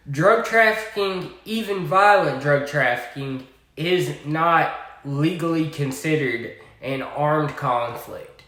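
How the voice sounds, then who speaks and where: A man with a Southern US accent giving a political commentary monologue, deliberate, with sarcastic asides. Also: a little high, fairly bright tone, roomy sound.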